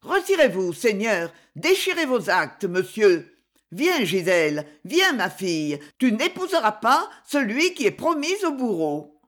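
A woman's voice: on the high side, big pitch swings, a little slow. A woman voicing a distraught middle-aged duchess who was once a bohemian singer, speaking feverishly and in anguish.

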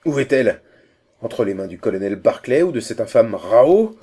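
A man doing an old prince in an audiobook, broken by grief yet burning for vengeance, barking orders in a low, mellow voice that rises sharply when he is angered. He sounds commanding and bitter. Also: fairly even intonation, unhurried. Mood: angry alarm. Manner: anguished, then commanding and vengeful. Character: grief-stricken old Indian prince, wrathful father.

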